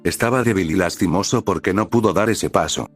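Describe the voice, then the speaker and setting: A man reading fan fiction aloud as storybook narration, at a steady, even pace. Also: low-pitched, a little fast, soft background music.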